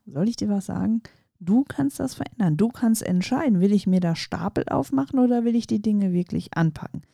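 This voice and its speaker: A woman in her forties hosting a coaching podcast, talking calmly and reflectively straight to the listener. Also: medium pitch, brisk, gravelly, no echo, studio quality. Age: 40s. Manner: calm, reflective, addresses listener directly. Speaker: podcast host.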